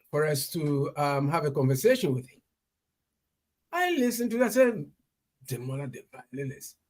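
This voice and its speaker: A man hosting a radio talk show, introducing his guest with hesitant, repeating starts and lively swings in pitch. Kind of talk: casual radio interview.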